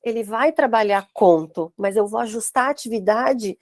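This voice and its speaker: A woman's voice: on the high side, moderate pace, darkish tone, no echo, clean studio sound. A Brazilian woman running an online course for teachers, explaining step by step on a video call. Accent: Brazilian Portuguese. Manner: explanatory, uses many "né?" tags. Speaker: course instructor.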